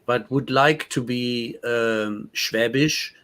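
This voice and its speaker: A man co-hosting a panel discussion, speaking in a measured, deliberate way. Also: medium pitch, steady tone.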